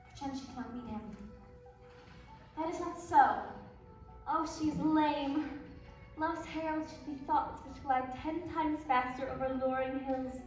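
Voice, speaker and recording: A teenage girl acting as an eager, impatient young girl in love in a school stage play. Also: high voice. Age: teens. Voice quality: eager, pleading delivery. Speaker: student actor. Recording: echoey hall, distant mic.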